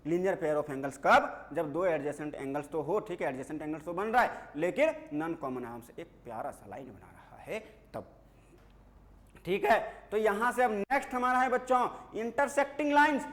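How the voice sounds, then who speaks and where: A man's voice: high-pitched, lively intonation, moderate pace, a bit bright. A man teaching a maths lecture, playfully coaxing his students and asking them questions he then answers himself. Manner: playful and coaxing, calls students "dear children". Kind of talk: classroom lecture.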